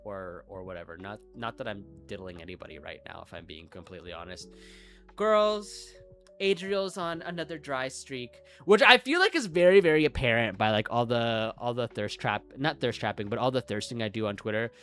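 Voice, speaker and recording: On a casual live stream, a young Midwestern man chats on and on with lots of fillers, especially "like," and a self-deprecating streak. He has a mid-range, slightly bright voice with lively intonation and a moderate pace. Soft music plays underneath.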